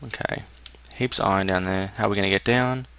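A young man talks through his game in a low, gravelly voice. He mutters and thinks aloud in a relaxed running commentary, close to a desk mic with a faint hiss behind him. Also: fast. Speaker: gameplay commentator. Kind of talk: casual let's-play commentary.

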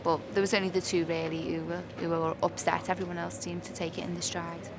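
A woman's voice: lowish voice, level tone, quick pace, over music. A woman in her twenties, an airline worker answering in an interview. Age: 20s. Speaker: airline staff member. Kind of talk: on-camera interview. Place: open indoor airport terminal. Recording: noisy airport concourse ambience.

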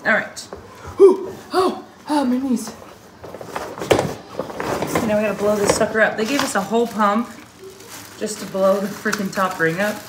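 A woman in her thirties talks through what she is doing in a casual vlog at home. Her speech is colloquial and loosely sweary, at a middling pitch. The room rings noticeably, with clear noise behind her. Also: steady tone, a little fast. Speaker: vlogger. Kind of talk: casual vlog chat, thinking aloud. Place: indoors at home, kitchen and other household rooms. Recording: echoey rooms with clear background noise.

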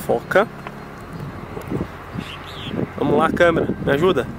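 A man filming a handheld vlog while exploring an abandoned hospital, chatting in slangy, relaxed speech. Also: fairly high pitch, fast. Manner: relaxed slangy talk, swearing. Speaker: urban explorer vlogger. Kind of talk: casual handheld vlog narration. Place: abandoned hospital building in a city. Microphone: handheld camera mic. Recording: loud noisy camera audio.

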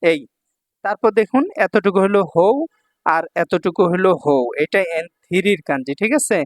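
High-voiced man teaching a kanji lesson. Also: moderate pace, no room sound, clean studio sound. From Bangladesh. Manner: repeats readings, checks in with "okay?" often. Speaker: Japanese language teacher. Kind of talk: kanji lesson explaining readings.

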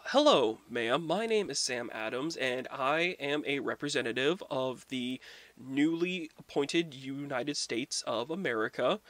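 A man plays an earnest recruiter with a formal, courteous pitch, measured and unhurried. The voice is close and dry. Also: a bit bright, no echo. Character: polite earnest male revolutionary recruiter.

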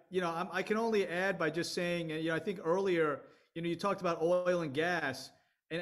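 A middle-aged man with a notably high voice talks through a video call. He speaks with energy and emphasis and often restarts his phrases. The sound has the slight flatness of a webcam microphone. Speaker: venture capital panelist. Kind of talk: online panel discussion.

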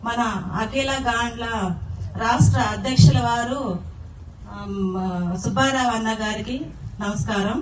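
A woman's voice: a little high, measured pace, pauses often. A woman giving a polite, formal welcome address that greets and thanks the guests. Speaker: event speaker greeting guests. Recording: noisy echoey hall from far off.

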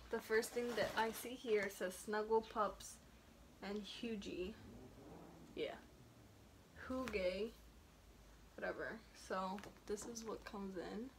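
A young woman chatting casually as she unboxes a package, rambling and trailing off mid-sentence. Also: mid-range voice. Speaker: vlogger. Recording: noisy home recording.

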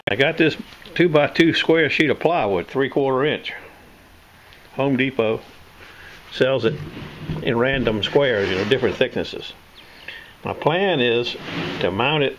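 A man's voice: fairly low pitch, muffled recording, background noise. An older man, casually demonstrating tools in his home workshop, rambling and folksy. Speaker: knife sharpener showing his shop tools.

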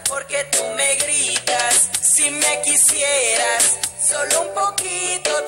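A woman singing a children's song in the voice of a scolded child pleading with her mother, in a sing-song way. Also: sits high. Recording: song track with loud music. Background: loud music.

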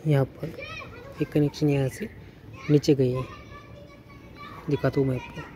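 Walking around an installation he's showing, an electrician explains it casually, pausing, restarting and repeating words as he points things out. He films himself off-frame on a handheld phone, moving from a rooftop to an indoor stairwell and wall, with clear traffic noise behind him. His pitch is medium and barely moves.

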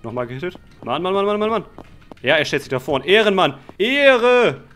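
A man giving excited Let's Play commentary on a game, talking to his viewers as friends, with slangy asides and sudden shouted outbursts. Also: on the high side, fast talker, faint music behind. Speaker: gaming channel host.

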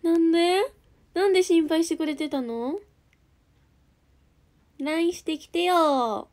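Streaming live, a young woman from an idol group speaks with a Kansai accent in an extremely high, slightly mellow voice at a measured pace. She keeps things casual, reading viewer comments aloud and replying to them.

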